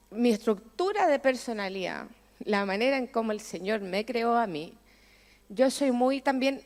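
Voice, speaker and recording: A high-pitched, middle-aged woman with a Chilean accent preaches a heartfelt testimony sermon. She turns often to the congregation with direct questions. Her voice rings with the long reverb of a church hall. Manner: emotional storytelling, asks the congregation questions.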